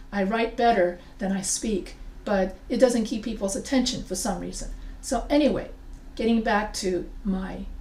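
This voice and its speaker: This middle-aged professor of English composition, not a native French speaker, talks through an unscripted lesson to her webcam while gesturing frequently. She has a mid-range, darkish voice, recorded in an echoey room from a bit of a distance.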